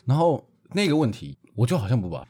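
A man telling a story in a casual podcast chat, animated and quick to laugh. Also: medium pitch, slightly rough. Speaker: podcast co-host.

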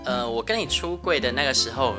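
A male podcast host with a soft, thin voice, chatting casually and laughing often with light self-mockery. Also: mid-range voice, brisk, over music. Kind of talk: casual family chat.

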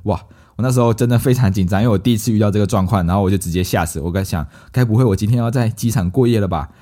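Guy hosting a podcast, talks fast, mellow tone, does little voices for his family. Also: on the low side. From Malaysia. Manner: lively anecdote-telling, acts out quoted family members. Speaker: podcast host. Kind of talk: casual storytelling.

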